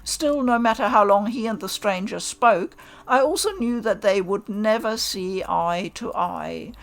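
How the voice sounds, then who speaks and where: A woman calmly reading a visual novel aloud in the first person. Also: medium pitch, unhurried, gravelly. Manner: calm, first-person storytelling. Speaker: narrator.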